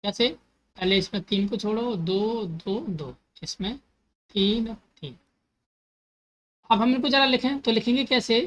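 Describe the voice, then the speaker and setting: Bright-voiced woman teaching math. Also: mid-range voice, measured pace, pauses often, poor audio. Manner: repeats steps and asks herself questions, corrects slips. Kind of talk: explaining a math lesson step by step.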